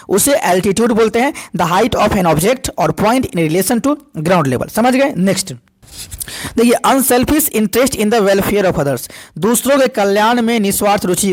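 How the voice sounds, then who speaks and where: High-voiced teacher drilling words. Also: male voice. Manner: repetitive call-and-response questioning, slow over English definitions. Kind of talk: online exam-prep vocabulary class.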